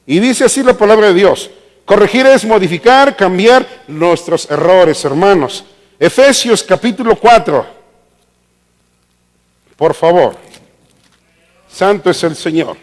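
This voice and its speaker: A man preaching a sermon, questioning the congregation and stretching out emphatic words. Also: high voice. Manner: call-and-response questioning, drawn-out emphatic words. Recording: long reverb of a church hall.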